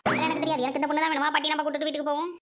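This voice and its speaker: Brief: a woman playing a spoiled, whiny young groom, high and fast, in a comedy skit. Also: flat delivery, noisy background, lightly acted. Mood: whiny demanding. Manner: whiny, demanding. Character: childish, pushy young man set on marrying.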